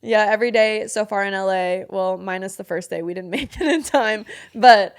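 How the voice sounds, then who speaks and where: A woman's voice: mid-range voice, moderate pace, clear, resonant tone. A young woman co-hosts a casual podcast chat. She laughs a lot, swears casually, and speaks openly and emotionally about personal experiences. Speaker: podcast co-host.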